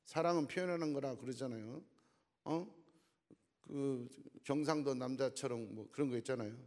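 A man's voice: mid-range voice, moderate pace, darkish tone. A male pastor giving a humorous sermon to his congregation in a church, teasing the crowd and often checking in with them. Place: church sanctuary. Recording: long hall reverb.

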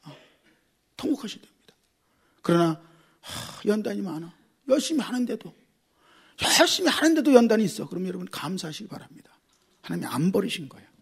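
A middle-aged man preaching a sermon as a pastor, animated and swinging between loud exclamations and quiet asides. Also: high-pitched, fast talker, creaky, slightly rough.

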